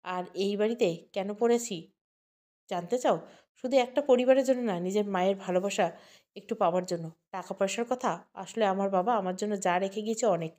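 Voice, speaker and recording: A woman's voice: mid-range voice, brisk, mellow, lightly acted. A woman voicing a proud young student, tearful and defiant, in an audio story. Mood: hurt, defiant.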